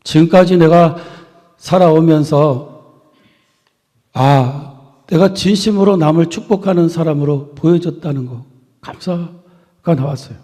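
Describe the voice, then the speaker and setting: A male pastor preaching a sermon to his congregation in a church, building phrases up with emphasis and letting them fall soft at the ends. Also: a little high, measured pace, pauses often. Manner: earnest preaching with swelling emphasis and soft trailing endings. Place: church sanctuary. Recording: long reverb of a church hall.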